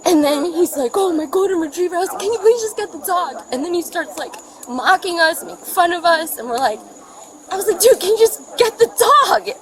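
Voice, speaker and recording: A woman's voice: very high voice, animated, a little fast, crowd noise, low-quality recording. A shaken woman outdoors at night giving a rambling statement to police, recorded on a body camera. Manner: shaken, breathless, rambling retelling. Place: outdoors on a residential street at night. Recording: body cam audio with people around.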